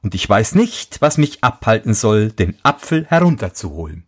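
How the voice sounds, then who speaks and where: A man's voice: fairly low pitch, sing-song, moderate pace, slightly rough. A man reading a fairy tale aloud, voicing a bold, fearless young prince with raised, cocky exclamations. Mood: defiant.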